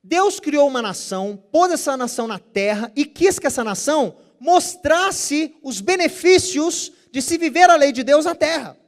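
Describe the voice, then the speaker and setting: A man with a high-pitched voice leads a Bible study lecture. He explains carefully and pronounces Hebrew terms deliberately. He poses rhetorical questions to his listeners and answers them himself. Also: animated. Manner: says Hebrew terms with care. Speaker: teacher.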